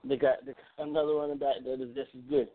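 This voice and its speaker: A man's voice: medium pitch, fast. Man talking sports over a phone-line sound. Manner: rambling, repeats words, animated. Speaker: sports talk radio host. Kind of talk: casual sports talk show. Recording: phone-like narrow band.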